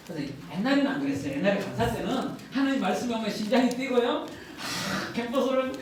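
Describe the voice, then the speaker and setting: A man's voice: extremely high pitch, expressive, fairly quick, slight background noise. Man preaching in a very echoey hall. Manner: conversational preaching with frequent rhetorical questions to the congregation. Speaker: pastor. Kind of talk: sermon. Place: church sanctuary. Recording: very echoey hall, voice from a distant mic.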